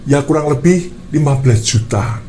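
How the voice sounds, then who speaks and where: A man preacher telling a personal story in a lively sermon, addressing the listeners as brothers. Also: mid-range voice, moderate pace, a little hiss or hum.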